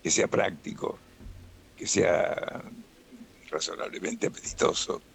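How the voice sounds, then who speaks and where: A man's voice: low voice, fairly even intonation, slow pace, gravelly, slight background noise. A man with a Rioplatense Spanish accent, explaining things relaxedly as a doctor guest in a radio interview and often tagging "¿no?".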